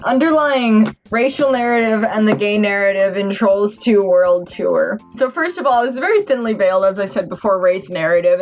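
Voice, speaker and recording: A woman who has been drinking delivers a rambling, mock-serious review at an average pitch. She halts and stumbles as she works through her notes. The sound is slightly dull and lo-fi, with music underneath. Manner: halting and stumbling, mock-earnest analysis. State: tipsy, drunk. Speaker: amateur movie reviewer.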